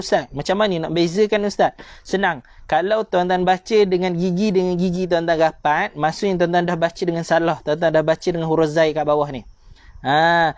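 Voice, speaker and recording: A man with a Malaysian Malay accent teaching Quran reading in a live online lesson, drilling sounds again and again and chanting verses slowly. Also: fairly high pitch, a little mellow, no room sound. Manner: drills sounds by repeating, addresses viewers as "tuan-tuan".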